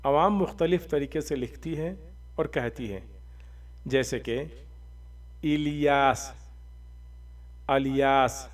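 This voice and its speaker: A man teaching the correct pronunciation and spelling of a name, slowly spelling out letters and vowel marks in a calm lesson. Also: fairly high pitch, recorded from a distance. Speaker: religious teacher. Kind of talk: explanatory lesson.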